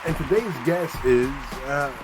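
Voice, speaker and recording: A man's voice: a little high, expressive, measured pace, music in the background, a crowd in the background. A man teaching ventriloquism in an upbeat, slangy, chatty way. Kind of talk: casual tutorial.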